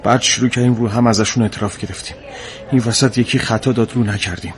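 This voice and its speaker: A man's voice: medium pitch, fairly even intonation, lightly acted. An actor playing a male security officer who defers to his commander and explains what went wrong. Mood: explaining. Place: hospital corridor.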